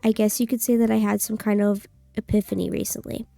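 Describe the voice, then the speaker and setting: A woman streamer voicing a gentle, thoughtful schoolgirl poet who leads a club in a visual novel game, calm and encouraging. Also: mid-range voice, fast talker, gravelly, no room sound, faint music behind, natural voice. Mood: gentle, shy.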